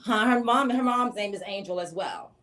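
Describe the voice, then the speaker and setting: A woman's voice: mid-range voice, normal speed, fairly bright tone. A woman from the rural South, speaking emphatically and frankly as a guest on a casual panel talk show. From rural American South. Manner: emphatic, outspoken.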